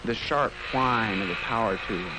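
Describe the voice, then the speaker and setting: A man's voice: lowish voice, moderate pace, lightly acted. An actor playing a sincere teenage craftsman, narrating his thoughts in a reflective 1950s educational film voice-over. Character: earnest teenage schoolboy craftsman musing to himself. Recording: faintly noisy 1950s film soundtrack.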